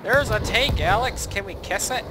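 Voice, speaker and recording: A man's voice: sits high, normal speed, heavy background noise. A man hosting a gaming channel, bantering casually with a friend while playing and joking with frequent swearing. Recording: voice over loud game sounds.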